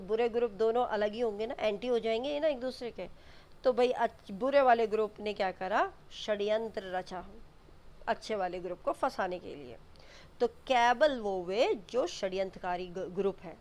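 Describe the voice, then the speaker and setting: A woman teaching English vocabulary for exams, explaining each word patiently, spelling terms out and repeating them. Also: a little high. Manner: mixes Hindi explanations with English definitions. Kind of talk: exam vocabulary lesson.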